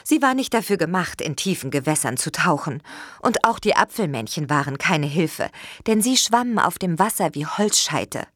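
A woman reading a children's storybook aloud in a gentle, expressive way. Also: sits low, normal speed, no room sound, studio quality. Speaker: narrator.

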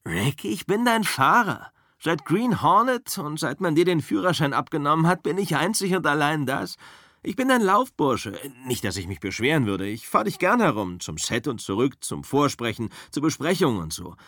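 A man reading an audiobook, voicing a calm, easygoing male driver and stunt double who talks matter-of-factly. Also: a little high, moderate pace, no echo, clean studio sound, voice pushed up, full character voice. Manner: easygoing, soothing, matter-of-fact. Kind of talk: audiobook character voice.

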